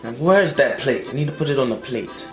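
A man's voice: mid-range voice, lively intonation, fairly quick, lightly acted. A man voicing a bumbling, hot-tempered chef who whines and swears. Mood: flustered. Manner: whiny, swearing, flustered. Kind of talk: puppet comedy skit acting. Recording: roomy echo, faint music.

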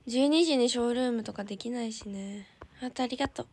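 Young woman idol, higher voice, casual and bubbly livestream chatter with frequent soft whispered asides. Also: quick pace. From Japan. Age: young adult. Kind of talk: casual livestream chat, reading viewer comments.

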